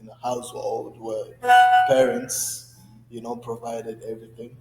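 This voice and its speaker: A man in his twenties from the Democratic Republic of Congo, a guest in an interview, telling his story in a relaxed way with many fillers. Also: mid-range voice, measured pace, roomy sound, long reverb tail, soft background music, low-quality recording. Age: 20s. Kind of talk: conversational interview.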